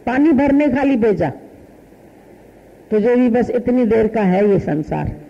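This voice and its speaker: A woman voicing a god as a calm, chiding elder man in a Hindi satsang story. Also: a little high, slow pace, vocal fry, breathy edge, muffled recording, exaggerated voice.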